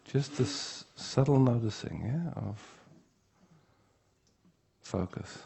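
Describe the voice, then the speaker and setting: A man giving an unhurried spiritual teaching talk at a retreat. He often checks in with the room by asking "yeah?". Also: medium pitch, expressive, gravelly, dark tone, husky.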